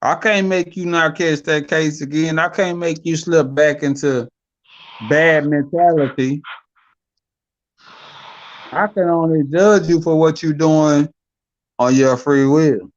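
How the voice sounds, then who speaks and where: A man's voice: a little high, steady tone, slow pace, pauses often, lo-fi sound. A young man in a casual podcast debate, talking loosely and repeating words while he works out his point. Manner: loose, rambling, repeats words when thinking. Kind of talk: casual debate over mics.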